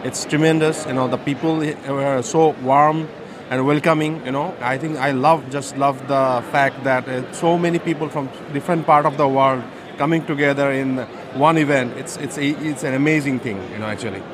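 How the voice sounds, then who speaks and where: A man's voice: mid-range voice, fairly even intonation, moderate pace. Man, noisy event interview. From Bangladesh. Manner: hesitant, repeats "you know". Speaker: content manager. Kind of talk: vox pop interview.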